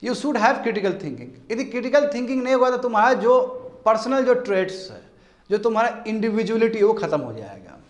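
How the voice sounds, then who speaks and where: High-voiced man lecturing a class. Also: moderate pace. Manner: animated, asks students rhetorical questions. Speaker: teacher. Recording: echoey classroom.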